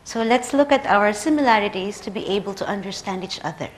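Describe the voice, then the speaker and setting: A woman in her thirties from the Philippines, a native Tagalog speaker with a Filipino accent, gives a conference lecture, sharing personal stories with light humor. Her voice is mid-range and fairly quick, with lively intonation.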